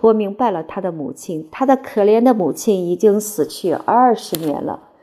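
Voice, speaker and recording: Husky, mellow woman reading a novel. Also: medium pitch. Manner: measured, expressive first-person reading. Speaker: audiobook narrator. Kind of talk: literary audiobook narration.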